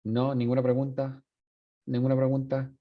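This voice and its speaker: A man's voice: mid-range voice, monotone, moderate pace, lo-fi sound. A man teaching a university Spanish linguistics class, switching between Spanish and English, with many fillers and restarts. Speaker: Spanish professor. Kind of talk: university lecture.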